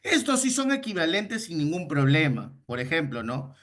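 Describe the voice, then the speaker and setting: A man's voice: on the high side, very animated, normal speed, a bit bright. A man teaching an online grammar class, explaining patiently and often checking that students follow. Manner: explains patiently, checks understanding with frequent short questions.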